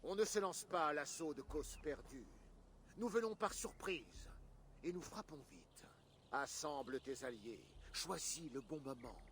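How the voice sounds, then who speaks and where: A man's voice: a little high, animated, measured pace, fairly bright tone, slight background noise. An actor voicing a stern, proud male Viking king in a dubbed video game, speaking with a commanding, scolding manner. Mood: stern counsel. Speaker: war leader.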